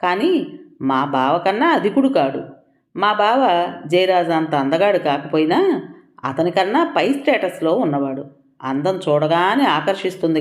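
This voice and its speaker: A woman's voice: lowish voice, reverberant. A woman voicing a sarcastic, status-hungry young woman. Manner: mocking, unapologetic.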